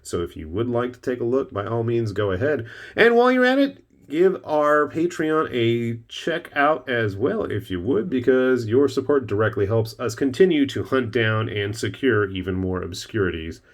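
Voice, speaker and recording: A man's voice: mid-range voice, sing-song, normal speed, few pauses. A man hosting a casual show-and-tell of his painted miniatures, chatty with wry asides. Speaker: miniature painting channel host.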